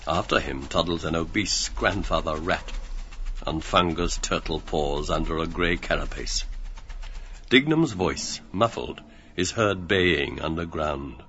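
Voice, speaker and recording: Deep-voiced man reading aloud. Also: a bit bright. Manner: measured, dramatic. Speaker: narrator. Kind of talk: audiobook reading of a novel. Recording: dull lo-fi recording with faint noise.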